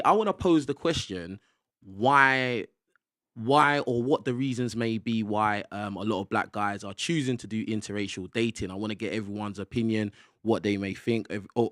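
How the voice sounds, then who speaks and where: A man's voice: lowish voice, a bit bright, no room sound, studio quality. A young man hosting a casual podcast panel, who keeps tagging his sentences with "yeah?". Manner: chatty, tags sentences with "yeah?". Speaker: podcast host.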